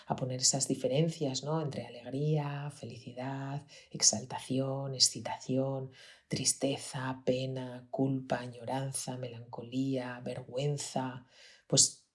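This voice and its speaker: Deep-voiced Spanish woman telling a story. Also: little pitch movement, takes it slowly. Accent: Peninsular Spanish. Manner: reflective, earnest, often drops to a near-whisper. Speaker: podcast host, pediatrician. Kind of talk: personal storytelling podcast.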